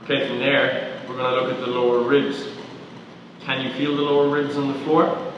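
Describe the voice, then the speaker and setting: A man guiding a body scan as a movement coach, asking calm step-by-step questions about each body part. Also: mid-range voice, normal speed, muffled recording, a little hiss or hum. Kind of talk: guided body scan instruction. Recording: echoey roomy sound from far off.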